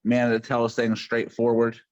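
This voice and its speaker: A man's voice: mid-range voice, monotone, a little slow, a little mellow, no room sound. A man from West Virginia co-hosting a casual podcast, telling a family story with dry jokes. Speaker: podcast co-host. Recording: dull dry podcast mic.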